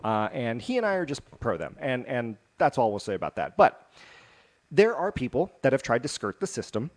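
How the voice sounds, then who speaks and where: A man's voice: medium pitch, big pitch swings, moderate pace. Guy cohosting a podcast, jokey and rambly, lots of uh and um, medium voice. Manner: rambling, jokey, many fillers and restarts. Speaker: podcast co-host. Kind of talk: casual chat, reading news stories.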